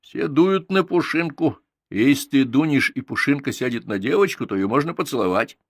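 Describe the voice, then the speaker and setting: A man voicing a dreamy, calm boy who likes to sing. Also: medium pitch, a little fast, dry recording, studio quality, voice pushed up. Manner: dreamy, unbothered.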